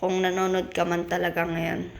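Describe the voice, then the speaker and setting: A man with a Filipino accent hosting a gaming channel, giving excitable casual commentary as he plays and exclaiming when things go wrong. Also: high-pitched, normal speed, creaky. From Philippines. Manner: excitable, yelps and exclaims while playing.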